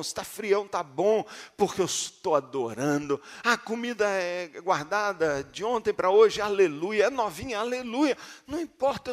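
A man preaching a sermon as pastor, dramatic and swinging between hushed and loud delivery. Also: on the high side.

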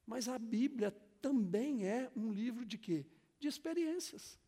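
Brazilian male pastor, high husky voice, emphatic sermon with call-and-response to the congregation. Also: measured pace, mellow. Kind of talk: sermon with storytelling. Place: church hall.

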